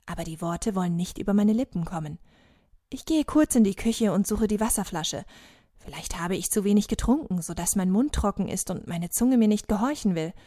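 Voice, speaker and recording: A woman narrating an audiobook calmly and earnestly. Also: mid-range voice, fairly quick, dry recording, clean studio sound. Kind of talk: scripted narration.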